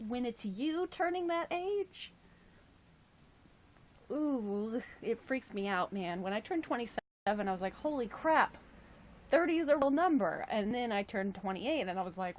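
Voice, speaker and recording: A woman in her late twenties hosts a casual livestream, reading viewer comments, chatting and joking with playful high exclamations. The audio has the highs cut off and slight background noise.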